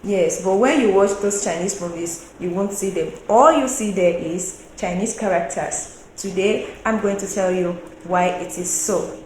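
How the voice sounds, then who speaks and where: A woman teaching a Mandarin lesson, explaining slowly and deliberately, asking the viewer questions and singing out tone examples at a higher pitch. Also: a little mellow. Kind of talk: online language lesson. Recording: roomy echo with faint background noise.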